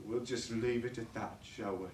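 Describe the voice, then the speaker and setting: On a college stage, a man plays a bitter, drunken old father who rambles and stammers while pleading and raging. His natural voice is on the low side and darkish, with a steady tone and moderate pace. A distant room mic captures the echoey stage from far off, with a little hiss or hum.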